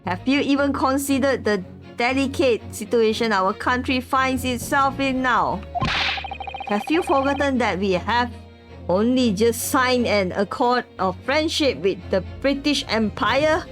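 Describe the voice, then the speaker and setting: A woman's voice: a little high, measured pace, over music, lightly acted. A woman reading aloud as a haughty male official who lectures in a lofty tone. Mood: indignant.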